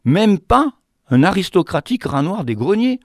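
A man narrates a strange fable in an animated, theatrical way. His voice sits a bit high and swings widely in pitch. The sound is close and dry, with no room around it. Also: normal speed, no room sound. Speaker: storyteller. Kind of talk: expressive narration of a fantastic tale.

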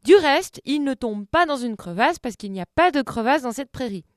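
A woman's voice: high voice, expressive, normal speed, no room sound, clean studio sound. A woman hosting a comic radio show, telling a story in a playful, mock-earnest way.

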